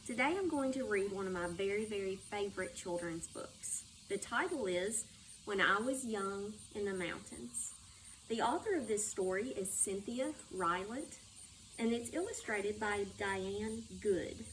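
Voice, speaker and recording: A woman reads a children's story aloud in an animated, unhurried manner with a medium-pitched voice; she is a school superintendent. The recording comes from a distant microphone and includes background noise.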